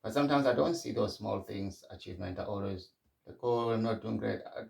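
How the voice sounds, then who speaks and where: A man's voice: lowish voice, brisk, vocal fry, a little mellow, roomy sound, far from the mic. A middle-aged man from Zimbabwe hosting a podcast, talking candidly in a reflective solo monologue. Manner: candid and conversational, frequent restarts. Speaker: podcast host.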